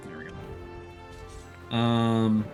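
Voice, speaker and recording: Over music, a man with a lowish voice hosts a casual gaming livestream, speaking extremely slowly. He rambles and thinks out loud while he plays.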